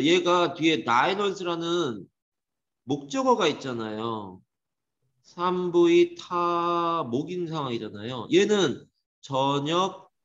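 A man teaching an English grammar lesson to a class, lively and teasing, scolding students. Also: on the high side. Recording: dull echoey classroom recording.

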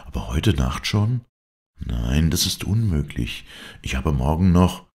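A man voicing a tender, smitten young male poet in an audiobook, speaking slowly and softly. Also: very deep voice, very animated, full character voice.

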